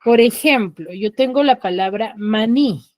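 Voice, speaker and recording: A woman's voice: a little high, lively intonation, unhurried, dry recording, clean studio sound. A woman teaching an online class with a Peruvian Spanish accent, leading students through questions step by step. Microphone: computer mic on a video call.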